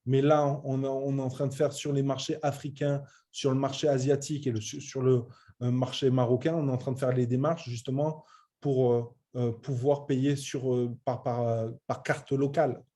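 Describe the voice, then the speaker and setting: A web entrepreneur in his late thirties presents a training programme in an informal online business talk. His mid-range, warm voice has little pitch movement and a moderate pace, and he's emphatic yet often hesitates and repeats his words.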